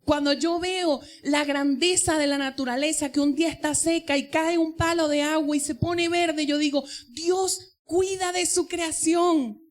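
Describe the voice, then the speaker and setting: A woman's voice: high voice, steady tone, normal speed, hardly any pauses. A woman teaching in church, telling a personal testimony and addressing the congregation directly. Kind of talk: sermon.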